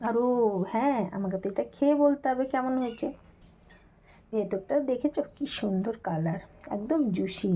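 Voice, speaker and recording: Mellow-voiced woman hosting a cooking video. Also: a little high, expressive, moderate pace, slight background noise, poor audio. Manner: chatty, addresses viewers directly. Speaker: cooking channel host. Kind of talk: casual cooking video talk. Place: home kitchen.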